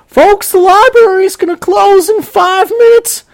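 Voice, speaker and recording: Frantic loudspeaker lady with a shrill drawl, pitched very high, as a man puts her on. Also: fairly even intonation, unhurried, creaky, dry recording, full character voice. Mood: panicky. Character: panicky heavyset woman on a library loudspeaker.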